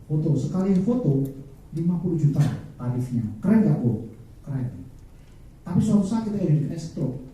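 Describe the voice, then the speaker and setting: Man, sales trainer, asks the audience questions, very mellow tone, far from the mic. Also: a little high, expressive, moderate pace, long pauses. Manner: asks the audience rhetorical questions and acts out client talks. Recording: very echoey room, distant mic.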